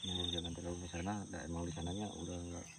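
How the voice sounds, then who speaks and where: A man with a Sundanese accent, talking casually and haltingly as host of a night exploration vlog. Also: low-pitched, monotone, far from the mic. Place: outdoors at a shrine cemetery at night. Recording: outdoor night recording, loud insect noise.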